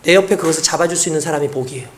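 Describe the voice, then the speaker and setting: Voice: medium pitch, racing, slight background noise. A pastor preaching a sermon in a conversational, storytelling way, with frequent rhetorical questions to the congregation.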